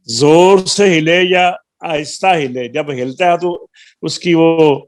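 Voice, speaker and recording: A male Quran recitation teacher leads a live class in a slightly high voice. He explains patiently and step by step, stretching out syllables when he demonstrates them, and teases his students gently now and then.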